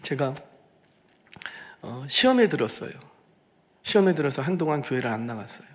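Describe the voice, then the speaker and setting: A man preaching a sermon as senior pastor, animated and repeating phrases for emphasis, in a church sanctuary. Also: mid-range voice, normal speed, big-room sound.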